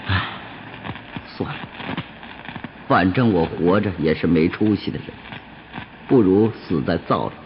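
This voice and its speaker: A despairing young man in an audio drama, hiding and resigned, with a deep, low voice. He sounds self-pitying. The recording is dull, with a steady hiss of noise underneath. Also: unhurried, long pauses.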